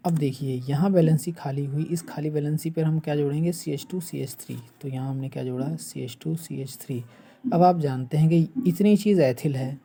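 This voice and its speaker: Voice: medium pitch, mellow. A teacher explaining a chemistry lesson step by step, asking rhetorical questions and restating each term.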